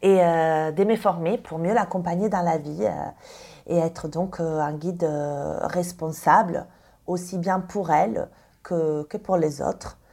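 A woman in her thirties from Italy, a dog trainer answering interview questions thoughtfully with many pauses and fillers. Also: on the low side, steady tone, creaky, mellow. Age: 30s.

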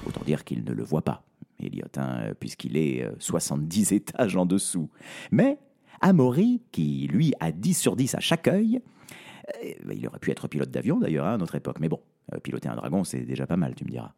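A man's voice: a bass voice, sing-song, a little fast, creaky, warm tone. A man telling a story aloud to a child, playful, with conversational asides.

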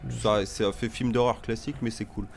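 Low-voiced man giving joking film tips. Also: little pitch movement, brisk, gravelly, faint music behind. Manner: chatty, joking recommendations. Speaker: podcast co-host. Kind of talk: casual film chat.

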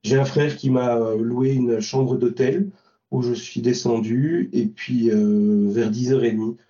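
A man's voice: mid-range voice, fairly even intonation, unhurried, warm tone. A man from Belgium recounting a trip in an interview, hesitant, with many fillers and restarts. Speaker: volunteer driver recounting trip. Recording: distant, roomy, dull lo-fi sound.

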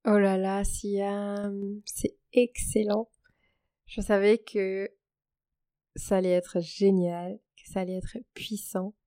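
A woman hosting a casual interview, praising her guest warmly and then asking her to say more. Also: medium pitch, little pitch movement, takes it slowly, dry recording, clean studio sound. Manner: effusive praise, then a gentle question to the guest. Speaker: podcast host.

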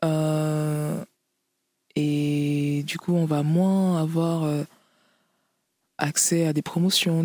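Invitée autrice, femme, parole hésitante pleine de « euh », son sec et proche. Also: female voice, low voice, darkish tone, dry recording. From Paris region, France. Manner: hesitant, many fillers, frequent laughs. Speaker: author guest. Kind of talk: interview conversation.

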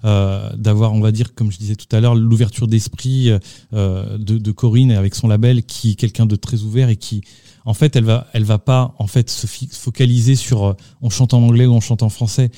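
A man, a pop singer, answers interview questions on the radio in a halting way, full of fillers and restarts. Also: fairly low pitch, fairly even intonation, warm tone, no echo, studio quality. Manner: hesitant, lots of fillers and restarts. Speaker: singer and musician guest.

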